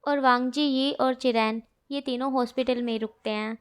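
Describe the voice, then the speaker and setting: A woman's voice: high voice, fairly even intonation, normal speed, smooth. A woman narrating a fanfiction story and reading every character's lines in her own voice. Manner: reads all characters' lines in her own voice, with little change.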